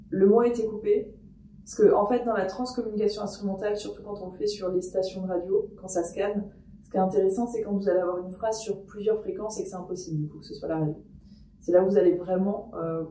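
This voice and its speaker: A woman recording a paranormal experiment vlog at home, talking her thoughts aloud in a hesitant way with many pauses and restarts. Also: medium pitch, mellow, distant mic. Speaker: paranormal investigator. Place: room in her house. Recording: echoey room, voice off-mic.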